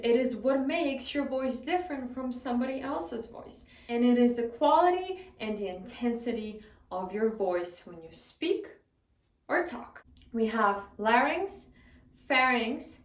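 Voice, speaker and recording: Higher-voiced woman teaching singing, roomy sound. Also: distant mic. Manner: friendly instructive, guides exercises step by step. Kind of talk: vocal lesson.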